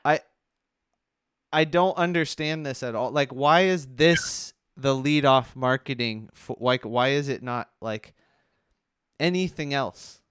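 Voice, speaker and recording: Smooth-voiced wry man on a podcast. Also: medium pitch, unhurried, fairly bright tone, no echo, clean studio sound. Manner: wry, dryly joking. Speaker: podcast co-host. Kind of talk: casual chat.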